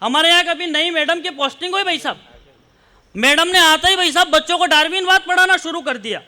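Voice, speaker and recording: A man from Malwa performs comic poetry on stage. He jokes with the audience and slows down to stress his verse lines. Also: very high voice, bright, forceful tone. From Malwa, central India. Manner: joking banter with the audience, slow emphatic verse lines. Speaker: poet on stage. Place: poetry gathering stage before a live audience.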